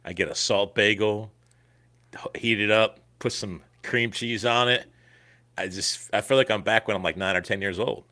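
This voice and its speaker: Male podcast co-host, low pitch but bright tone, lively delivery, casual teasing. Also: moderate pace.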